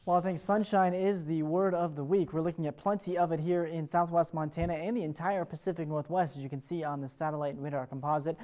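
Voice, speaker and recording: This American-accented morning show weatherman talks fast with few pauses, keeping his delivery chatty and upbeat. His pitch sits on the high side, the intonation stays fairly even, and the tone is dark.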